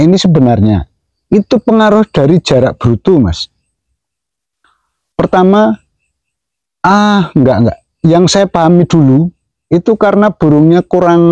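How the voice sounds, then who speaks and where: A man's voice: on the high side, mellow, dry recording, lo-fi sound. A man casually explaining pigeon racing, mimicking the whoosh of wings and chuckling now and then. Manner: imitates whooshing wing sounds, chuckles often. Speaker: pigeon keeper explaining to viewers.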